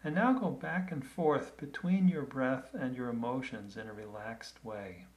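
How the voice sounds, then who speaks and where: Slow, gentle male meditation guide. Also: mid-range voice. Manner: calm, gentle, unhurried with long pauses.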